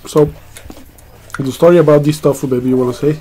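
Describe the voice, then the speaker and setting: A man in his thirties, chatting casually between bites while eating a meal with his partner in a bright room. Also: fairly high pitch, quick pace, slight background noise. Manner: relaxed, speaks few words between mouthfuls. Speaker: co-host of a food channel. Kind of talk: casual mukbang chat. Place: sunny room with large windows, indoors. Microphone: table mic in front of the couple. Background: soft background music.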